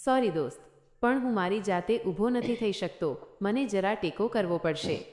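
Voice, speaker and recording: A fat, pushy neighbour man in a storybook tale, read by a woman, with an eager, ingratiating way of talking. The voice sits at an ordinary middle pitch. The room around it rings with echo. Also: lively intonation, moderate pace, a little mellow, natural voice. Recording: echoey room.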